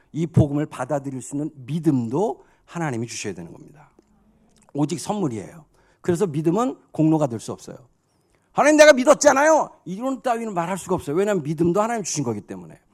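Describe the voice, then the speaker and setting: A male pastor preaching a sermon in a conversational, animated storytelling manner. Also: sits high.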